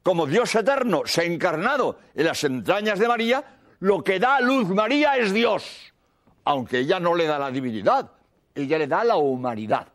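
A man's voice: high-pitched, sing-song, normal speed, fairly bright tone. A man preaching a sermon, emphatic and repeating key phrases, explaining doctrine with everyday examples. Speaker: priest.

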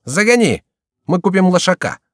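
A man voicing an impatient, commanding Gascon rider who shouts his orders. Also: a little high, big pitch swings, brisk, no room sound, clean studio sound, pitched above the performer's own voice. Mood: urging.

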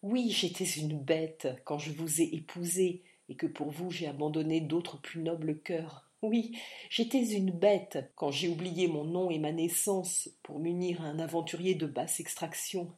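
A woman's voice: low voice, measured pace, a little mellow. A woman reading a furious, ranting noblewoman. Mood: bitter. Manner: ranting, bitter reproach. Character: furious aristocratic wife, bitter and insulting.

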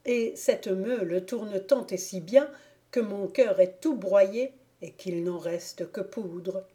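A heartsick young miller's lad pleads in slow, unhurried lines, voiced by a woman reading an audiobook. His voice is warm and mellow, and he sighs over his sorrows. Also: medium pitch, natural voice. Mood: despairing. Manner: plaintive, impassioned pleading. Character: young lovesick miller's lad, sighing, despairing.

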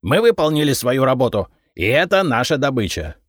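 Brash, smug treasure-finder, voiced by a man, lively and bouncing, dry close mic. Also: medium pitch, brisk, breathy edge, no echo, voice pushed up. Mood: defiant, cocky. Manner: defiant, argumentative. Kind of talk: audiobook character reading.

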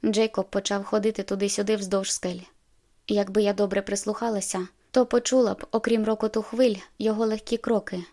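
A woman narrating a first-person audiobook in a steady, measured way. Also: medium pitch.

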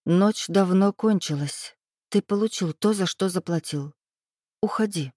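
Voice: mid-range voice, a little slow, no room sound, clean studio sound, lightly acted. Vika, a cold defiant young woman, voiced by the reader. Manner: curt, bitter, rising to shouts.

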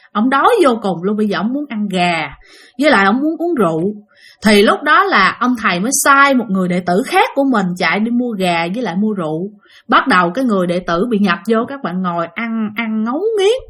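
A woman's voice: on the high side, a bit bright. Chatty Southern Vietnamese woman storyteller. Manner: chatty, addresses listeners directly. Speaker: ghost story channel host. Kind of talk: storytelling narration.

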